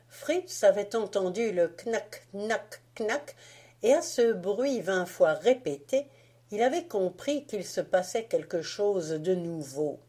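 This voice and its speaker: Slow, mellow woman reading a story. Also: medium pitch. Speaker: audiobook reader. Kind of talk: scripted narration.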